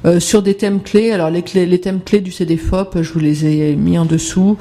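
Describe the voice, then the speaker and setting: A conference presenter walking through slides, speaking haltingly with many filler sounds. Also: mid-range voice, steady tone, warm tone.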